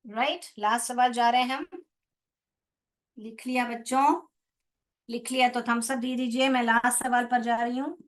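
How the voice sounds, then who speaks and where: A woman's voice: fairly high pitch, steady tone, moderate pace, long pauses. A woman teaching English in an online class, explaining in Hindi with an Indian accent, spelling words out and calling students beta.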